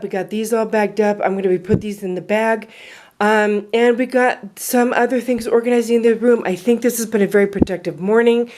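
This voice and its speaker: A woman's voice: medium pitch, darkish tone. Chatty, rambling woman vlogger. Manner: rambling and chatty, with many fillers. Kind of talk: casual vlog talk. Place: home storage room.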